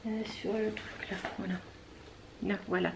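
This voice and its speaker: A woman hosting a knitting video podcast from home, chatting casually with many fillers, pausing to search for words and things. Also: medium pitch, fairly even intonation, vocal fry, noisy background. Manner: chatty, talks straight to viewers. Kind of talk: casual show-and-tell chat.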